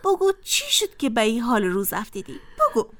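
A woman hosting a children's radio show, talking in a gentle, coaxing, playful way. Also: a little high, huge pitch swings.

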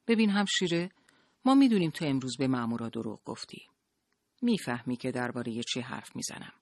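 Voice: mid-range voice, expressive, no echo, pitched above the performer's own voice, close to an everyday voice. An audiobook narrator voicing a male police interrogator who questions with feigned, cool politeness, in a dry booth sound. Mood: cool, probing. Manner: coolly polite, pressing. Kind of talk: audiobook character voice.

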